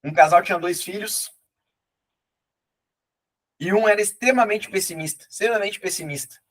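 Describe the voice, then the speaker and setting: Middle-aged southern brazilian guy, high voice, folksy motivational storytelling. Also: normal speed. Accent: southern Brazilian (gaúcho). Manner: folksy, acts out characters in anecdotes. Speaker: teacher and motivational speaker.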